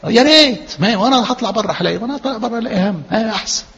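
Fast, gravelly Egyptian preacher in a hall. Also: male voice, high voice, highs cut off. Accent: Egyptian Arabic. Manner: lively, conversational preaching with frequent rhetorical questions. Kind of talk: sermon.

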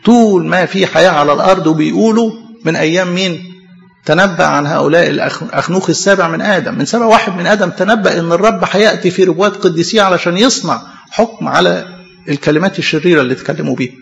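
A man's voice: sits high, rapid-fire, gravelly, fairly bright tone. A man with an Egyptian Arabic accent preaching a sermon, emphatic, asking rhetorical questions and answering them himself. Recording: echoey hall, dull lo-fi sound.

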